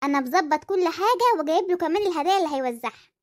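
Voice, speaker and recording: A performer voicing an eager, cheeky Egyptian boy in a cartoon, chirpy and quick, with an Egyptian accent. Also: very high voice, lively intonation. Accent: Egyptian Arabic. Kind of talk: cartoon voice acting.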